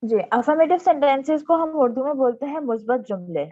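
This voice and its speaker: Patient woman teacher, slightly high voice. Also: lively intonation, dark tone, highs cut off. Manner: patient, explains step by step and checks in often; reads English examples slowly and deliberately. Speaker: English teacher. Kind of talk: classroom grammar lesson.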